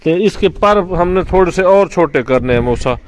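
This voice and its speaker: Male vlog host, casual and instructive, slightly high voice, outdoor phone recording with faint hiss. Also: expressive, normal speed. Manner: instructive, directs the boy. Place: outdoor bird enclosure.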